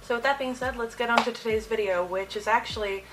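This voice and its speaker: A woman's voice: a little high, fast. Young woman vlogger, casual slangy storytelling, bit far from the mic, music under her. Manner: animated slangy storytelling with mild exclamations. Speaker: video host. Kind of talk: casual personal storytime to camera.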